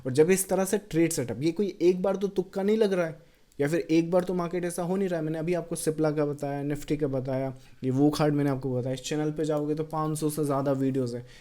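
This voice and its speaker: A man walks through a trading chart, mixing Hindi and English as he counts out the waves. His voice sits a little high but sounds warm and mellow. He gets blunt with the people who doubt his method. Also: steady tone, a little fast. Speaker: trading educator. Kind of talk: chart walkthrough lesson.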